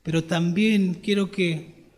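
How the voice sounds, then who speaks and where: High-voiced Argentine pastor preaching. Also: male voice, steady tone, takes it slowly, a little mellow. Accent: Argentine Spanish. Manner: earnest preaching, swelling to emphatic peaks. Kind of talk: sermon. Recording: long reverb of a church hall.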